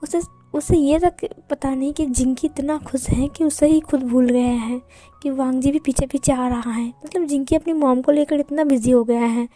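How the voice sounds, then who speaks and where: A woman's voice: high voice, steady tone, normal speed, mellow, soft background music. A woman narrating a fan fiction story in a chatty storytelling manner.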